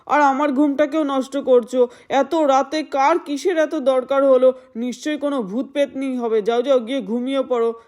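A woman's voice: high voice, steady tone, normal speed, darkish tone, natural voice. A woman voicing a tired young man grumbling about being woken, in a doll-play story. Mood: grumpy. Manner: grumbling, irritable. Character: sleepy grumpy young man.

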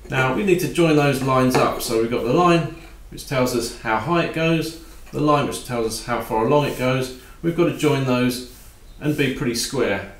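A man giving a calm, practical woodworking tutorial while he works at a bench in his home workshop. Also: medium pitch, moderate pace, few pauses, echoey room. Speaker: woodworking instructor.

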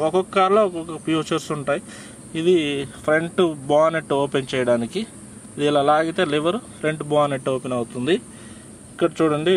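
A man's voice: fairly high pitch, slight background noise. A man with a Telugu accent patiently explains car controls step by step from inside a parked car, recorded on a handheld phone. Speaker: driving instructor. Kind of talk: casual how-to explanation.

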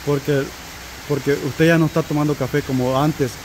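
A man, soft-spoken and slow, bantering with his wife. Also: fairly high pitch, fairly even intonation, background noise. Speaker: host's husband. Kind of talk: casual couple banter.

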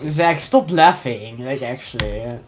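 A woman's voice: very deep voice, expressive, slow, over music. A drunk woman gamer rambling and swearing on a voice call while she plays. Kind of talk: casual gaming chat.

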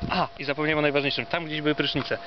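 A man's voice: a little high, steady tone, racing. A Polish man giving a casual, reminiscing tour outdoors, with a wry, mock-formal manner. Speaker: vlogger giving an on-site tour. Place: outdoors at a former campsite. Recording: dull lo-fi outdoor recording, loud ambient noise.

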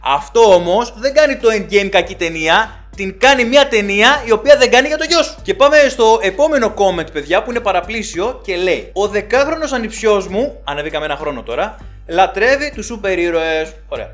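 A man's voice: high-pitched, few pauses, soft background music. A man in his thirties, a movie-reviewing YouTuber, reading out viewer comments and answering them sarcastically. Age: 30s. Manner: sarcastic, animated, switches voices.

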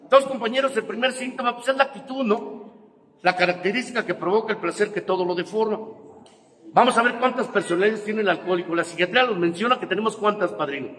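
A man with a Mexican accent giving a blunt, profane, scolding motivational talk to a recovery group, with bursts of loud emphasis. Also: sits high, quick pace, big-room sound, poor audio.

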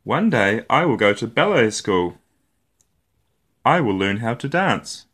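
A man reads a picture book to young children, using an expressive storytelling style with playful, deliberate phrasing. His pitch is medium.

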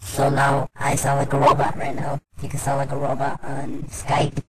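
A man demonstrating voice-changing software with a robot filter, sounding like a male robot in a casual tutorial. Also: mid-range voice, completely flat delivery, moderate pace, slightly rough, no room sound, voice pushed up. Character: male robot, flat and mechanical.

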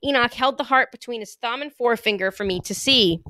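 A woman reading a first-person novel aloud in an even, measured storytelling manner. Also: a little high, dry recording, clean studio sound. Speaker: audiobook reader.

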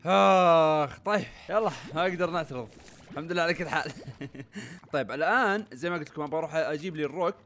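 A young man, chatting excitedly to viewers as he plays a video game. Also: a little high, fast. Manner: excitable, chatty, talks to viewers while playing. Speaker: gaming YouTuber. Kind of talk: casual let's-play commentary. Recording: faint game music behind.

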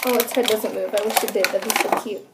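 A woman's voice: mid-range voice, steady tone, quick pace. A young woman chatting casually as a playful co-host who chimes in, recorded on a tablet in a bathroom. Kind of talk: casual jokey chat. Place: small indoor bathroom. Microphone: tablet microphone, off camera. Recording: echoey bathroom, clear noise and clicks.

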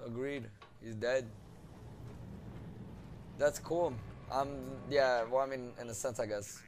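Slow-talking excitable young gamer guy. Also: mid-range voice, a little hiss or hum. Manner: loud, excitable, swears and laughs often. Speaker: let's play gamer. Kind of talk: casual gameplay commentary.

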